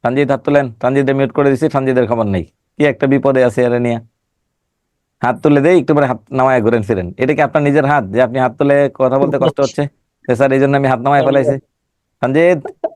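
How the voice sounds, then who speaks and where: Middle-aged man, teacher with a cold, mid pitch, dry close sound, teasing students on a video call. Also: a little fast, a little mellow, no room sound. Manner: joking, scolding students by name. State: has a cold. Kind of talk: online class lecture with teasing banter.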